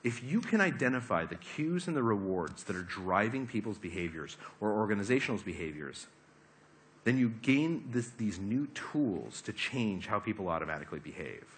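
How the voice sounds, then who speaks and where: A man giving a lively talk to a live audience, asking them questions as he explains his points. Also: on the low side, normal speed. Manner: animated, asks the audience questions. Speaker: speaker giving a talk on habits.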